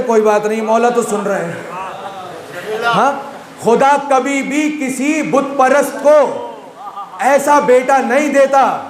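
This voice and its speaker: A man from Pakistan giving a Muharram majlis sermon, often putting rhetorical questions to his listeners. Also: extremely high pitch. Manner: rhetorical, asks the audience questions. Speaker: Shia majlis speaker. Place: large imambargah hall. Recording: echoey hall recording, faint room ambience.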